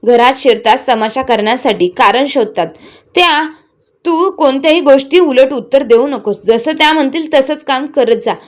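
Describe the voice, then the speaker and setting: A woman reading the lines of a kind, calm middle-aged housemaid who speaks gently. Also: high voice, normal speed, close to an everyday voice. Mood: gentle. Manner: gentle, soothing.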